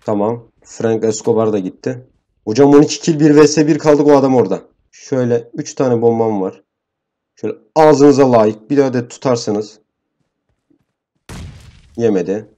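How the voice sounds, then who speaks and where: A young man giving casual, excitable commentary over his mobile game as a gaming channel host, repeating words in bursts and grumbling to his viewers. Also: medium pitch, normal speed, long pauses. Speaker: gaming YouTuber. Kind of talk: live gameplay commentary.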